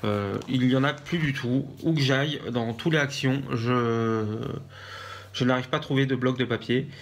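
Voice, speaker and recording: A man's voice: medium pitch, normal speed. Hesitant French man chatting casually. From France. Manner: hesitant, many fillers and restarts. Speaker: vlogger. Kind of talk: casual craft haul vlog.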